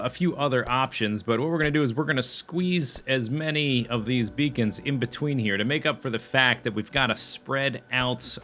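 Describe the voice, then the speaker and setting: A young man casually comments on his own gameplay while planning a factory build, thinking aloud with fillers and self-corrections, all while he has the hiccups. He has a mid-range voice with a sharp tone.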